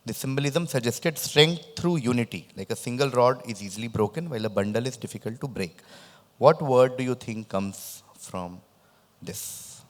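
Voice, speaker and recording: A man's voice: medium pitch, animated, normal speed. Guy hosting a live quiz, lispy whistly s, mid voice, big echo on it. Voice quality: lisp with whistling s. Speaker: quiz host. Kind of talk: live quiz hosting, reading questions and chatting with contestants. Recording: echoey, long room reverb.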